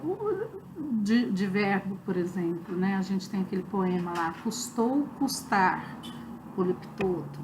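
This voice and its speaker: A woman's voice: medium pitch, a little mellow, a little hiss or hum, low-quality recording. A woman with a Brazilian Portuguese accent giving an online review lecture as a literature teacher. She explains step by step and often checks in with "né?" and "tá?". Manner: explanatory, many fillers like "né?" and "tá?".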